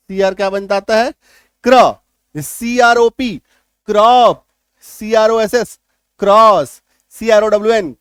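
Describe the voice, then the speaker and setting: A man teaching English reading in a spoken lesson, drilling letter combinations and asking quick checking questions. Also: clear, resonant tone, dry recording, clean studio sound. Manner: fast sales pitch for his course.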